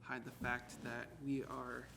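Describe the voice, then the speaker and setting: Jokey young guy chatting on a podcast, crackly fry in his voice, bit of noise on the shared mic. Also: medium pitch, flat delivery, slow. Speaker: podcast co-host. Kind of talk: casual joking podcast chat. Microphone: one shared mic on a table. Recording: shared mic in echoey room, noisy.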